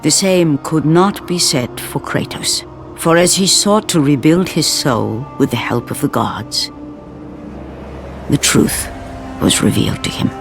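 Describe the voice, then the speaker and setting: Dude narrating epic game story, grave dramatic tone, kinda higher voice, music under. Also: male voice, measured pace, gravelly. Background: orchestral score.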